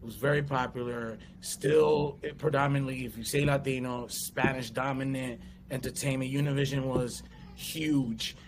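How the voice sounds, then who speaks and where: An American man in his thirties, a comedian and actor, is an interview guest telling stories in casual chat. He's an animated storyteller who often acts out quotes and voices. His voice is mid-range at a normal speed, with slight background noise.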